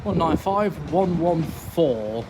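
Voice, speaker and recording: A man's voice: fairly high pitch, expressive, slow pace. A man giving casual trainspotting commentary on a railway platform, reading out train numbers and services. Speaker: trainspotter filming at a station. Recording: noisy outdoor station ambience.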